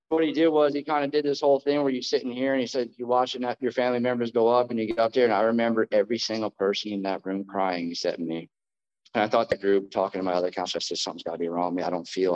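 A deep-voiced American man talks in front of an audience, giving personal testimony. His delivery stays fairly flat and unadorned, with halting phrases. The recording is dull and lo-fi. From New Jersey, United States. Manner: addressing a live group, plainspoken, halting. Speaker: speaker at a recovery meeting.

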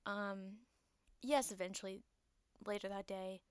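A woman's voice: medium pitch, steady tone, measured pace, clear, resonant tone, no room sound, studio quality. A young woman talking alone on her podcast, rambling with lots of fillers, her voice a little shaky and nervous. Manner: rambling, filler-heavy, self-deprecating. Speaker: podcast host. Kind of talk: casual solo podcast monologue.

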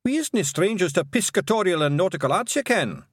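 Rob Anybody, a man doing a gruff Scottish pixie chief. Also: high voice, very animated, brisk, no room sound, clean studio sound, voice pushed up. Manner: brash, gruff, bossy and cheerful. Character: fierce little male pixie clan chief.

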